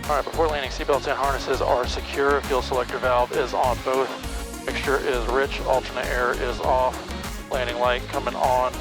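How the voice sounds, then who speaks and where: A man's voice: mid-range voice, flat delivery, normal speed, over music, low-quality recording. A man flying as a student pilot, talking through a pilot headset in a small plane cockpit and using clipped radio phrasing for calls and checklists. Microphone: aviation headset.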